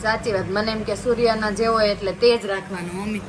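A woman chatting through a home vlog, often cooing in baby talk to an infant. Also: mid-range voice. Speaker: vlogger. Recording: noisy with passing traffic.

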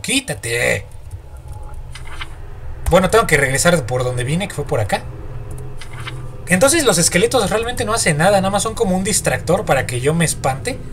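A man's voice: fairly high pitch, a bit bright. A young man with a Mexican accent giving horror game commentary, jumpy and swearing as he talks to himself and his viewers. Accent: Mexican Spanish. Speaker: gaming YouTuber.

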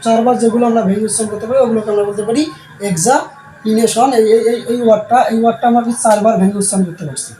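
A man's voice: sits high, fairly even intonation, very fast, hardly any pauses, mellow, faint music behind. A male teacher, giving a classroom lesson and answering his own questions over and over. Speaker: English teacher. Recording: roomy sound with faint background noise.

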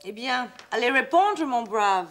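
A woman's voice: fairly high pitch, lively intonation, unhurried, fairly bright tone, faint music behind. A haughty Scottish lady. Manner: broken French, stiff and haughty. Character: prim young Scottish noblewoman. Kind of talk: 1980s French sitcom acting.

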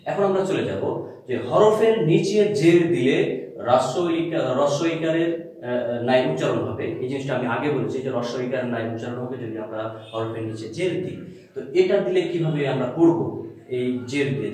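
A man teaching young pupils a lesson. He speaks patiently and slowly, and he spells out each sound one by one. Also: medium pitch, darkish tone. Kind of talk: classroom lesson for children. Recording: very echoey room.

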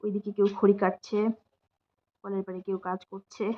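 A woman's voice: mid-range voice, completely flat delivery, moderate pace, muffled recording. A woman chatting casually to viewers as she cooks at home, rambling and friendly. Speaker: vlogger, housewife. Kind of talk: casual cooking vlog narration. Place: home kitchen and yard.

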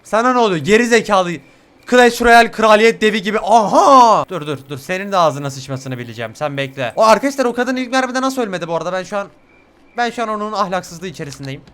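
A man's voice: high voice, lively intonation, fast, clean tone. A young man commentating a horror game, swearing often and shrieking at scares. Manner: swears a lot, yells and shrieks at jumpscares. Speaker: gaming YouTuber. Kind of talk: let's play commentary.

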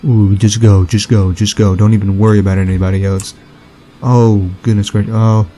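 A man hosting his gaming channel, giving chatty, excitable let's-play commentary and talking back to the game. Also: fairly low pitch, normal speed, slight background noise.

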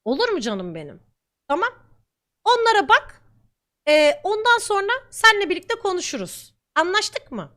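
Blunt, high-voiced woman streamer. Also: very animated, normal speed, bright, forceful tone. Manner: blunt and defiant, talkative. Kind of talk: reacting to comments on camera.

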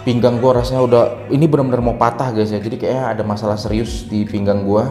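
Speaking quickly in a mellow, medium-pitched voice with little pitch movement, a weary man chats to his viewers as though they're friends. It's a casual room-tour vlog filmed inside his bare, newly rented house, where the strong echo is joined by faint music.

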